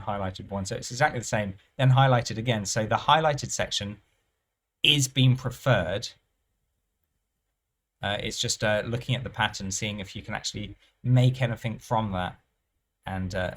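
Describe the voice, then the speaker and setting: A man giving thinking-aloud commentary over live roulette play, musing and unhurried, often trailing off and restarting his phrases. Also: on the low side, fairly bright tone. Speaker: roulette strategy presenter.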